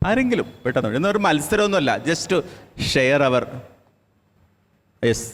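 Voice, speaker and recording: A man's voice: a little high, sing-song, a little slow. A man running an interactive session for a children's camp. He echoes each child's answer back, encourages them and mixes English phrases into his speech. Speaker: camp trainer. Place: large indoor hall with an audience. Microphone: handheld microphone. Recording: long reverb of a large hall.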